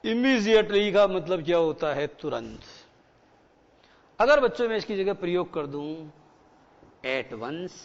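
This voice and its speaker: A man's voice: high voice, in a large hall, highs cut off. A male teacher giving a grammar lesson in a mix of Hindi and English, repeating key words and asking the class questions.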